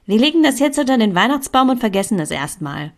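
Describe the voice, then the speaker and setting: A woman's voice: on the high side, sing-song, fast, pitched above the performer's own voice. A woman putting on a bossy young friend. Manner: pushy, urging, lecturing.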